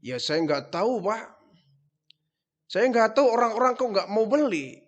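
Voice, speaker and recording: Man doing a dutiful young prophet, high loud hawker's calls, meek toward father. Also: very animated, unhurried, lo-fi sound, full character voice. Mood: meek, complaining. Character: young dutiful male prophet, secretly mocking idols.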